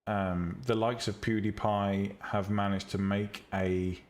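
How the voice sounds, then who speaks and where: Taking it slowly in a fairly low, calm and relaxing voice, a man chats with his live-stream viewers about making 3D tutorials. He's blunt and casual, ums and restarts a lot, and teaches 3D rendering and visual novel making.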